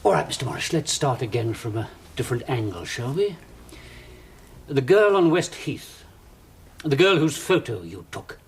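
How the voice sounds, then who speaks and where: A man plays a middle-aged detective in a 1970s TV police drama, probing a suspect with calm, coaxing patience that hardens into pressure. His pitch swings freely. The recording carries a faint hiss. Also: moderate pace, lightly acted. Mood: firm.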